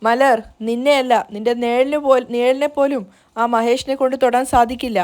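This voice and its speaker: A woman's voice: high voice, fairly even intonation, moderate pace, darkish tone, natural voice. A woman voicing a protective mother who comforts her child and speaks firmly. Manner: soothing yet stern. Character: protective mother, firm and reassuring.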